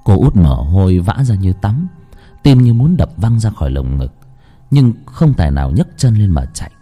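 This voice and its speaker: A man tells a horror story in a low, mellow voice, letting it rise and fall with drama. He builds suspense slowly, and faint music plays beneath him. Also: sing-song, husky. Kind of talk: scripted horror narration.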